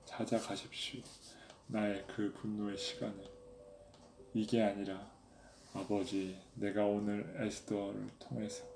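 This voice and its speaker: A man's voice: lowish voice, warm tone. A male preacher giving an earnest, reflective sermon and leading a pleading spoken prayer. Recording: echoey room, faint background noise.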